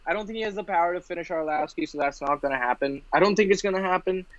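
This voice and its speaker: A man from India talks fight bets in a casual podcast chat, his voice sitting a little high. He rambles and restarts his sentences often. The recording is dull and lo-fi, with a dry, close sound. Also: a bit bright, no echo. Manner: quick, rambling, many restarts. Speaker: podcast co-host.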